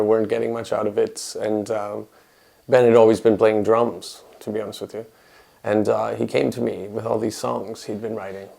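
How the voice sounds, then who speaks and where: Guy, super gravelly, flat low delivery, lots of uhs, band interview. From Canada. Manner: relaxed, filler-heavy storytelling. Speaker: bass guitarist. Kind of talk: documentary interview.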